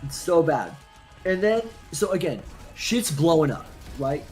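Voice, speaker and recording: A young man in casual chat during a gaming stream, ranting in an animated, worked-up way. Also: a little high, measured pace, soft background music.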